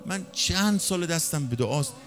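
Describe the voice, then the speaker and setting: A man's voice: on the high side, animated, a bit bright, a little hiss or hum, voice pushed up. A man voicing a frail elderly mother who pleads tenderly for a grandchild, with music playing underneath. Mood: pleading.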